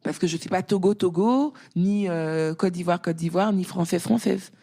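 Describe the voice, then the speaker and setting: Gravelly-voiced woman telling her story. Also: lowish voice, normal speed. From France. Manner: lively storyteller, rising when quoting others. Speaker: guest. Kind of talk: casual interview talk.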